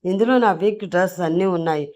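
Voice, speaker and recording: A woman's voice: lowish voice, fast talker, darkish tone, natural voice. A brash young rowdy, voiced by a woman storyteller, talking in a blunt, offhand way. He brushes people off with teasing impatience. It is a storybook audio drama.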